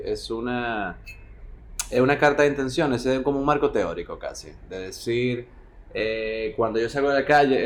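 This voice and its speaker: Being interviewed at home next to a street full of motorbikes, this man from the Dominican Republic explains things in a relaxed, thoughtful way. He speaks with a Dominican Caribbean Spanish accent at a medium pitch, and the traffic noise comes through clearly behind him.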